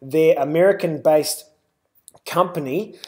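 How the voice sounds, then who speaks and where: A man's voice: fairly high pitch, measured pace, darkish tone. A man with a New Zealand accent giving a live webinar presentation, talking loosely with lots of "uh" and "you know".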